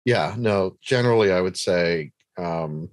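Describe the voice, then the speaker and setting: A deep-voiced man hosts a casual podcast interview at an unhurried pace, recorded dry. He rambles, with many fillers and restarts.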